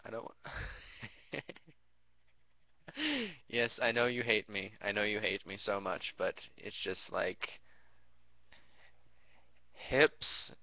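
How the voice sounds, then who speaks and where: A man's voice: fairly low pitch, steady tone, slow, vocal fry, pauses often, no room sound. Crude joking young man on a lo-fi recording. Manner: jokey, crude, puts on silly voices. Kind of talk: rambling comedic vlog rant.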